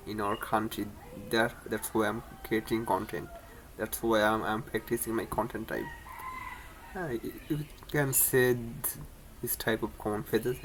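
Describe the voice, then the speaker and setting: A man's voice: lowish voice, slight background noise. A man hosting his own channel, teaching English in a casual spoken lesson, often restarting and repeating words. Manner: repetitive, many restarts and stumbles.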